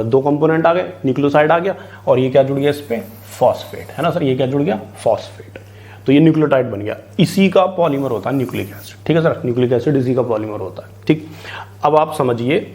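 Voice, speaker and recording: Male biology tutor from India, mid-pitched, conversational question-and-answer lecture style. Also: warm tone. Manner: chatty, keeps asking and answering his own questions, mixes in English terms. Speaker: biology teacher. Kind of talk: online exam-prep lecture.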